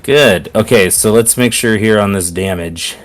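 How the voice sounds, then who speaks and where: A low-voiced man at a tabletop game, thinking out loud as he adds up damage and checks his moves. The chat is casual, with faint music in the background. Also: a little slow. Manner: talks through dice math out loud. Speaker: player.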